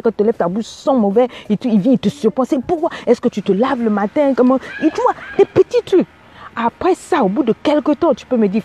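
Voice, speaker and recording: A woman from Africa giving animated, scolding sermon-style relationship advice, acting out quoted exchanges and pressing her listeners with rhetorical questions. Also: mid-range voice, slightly rough. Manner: animated, scolding, acts out quoted dialogue, frequent "hein?". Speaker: relationship coach and preacher.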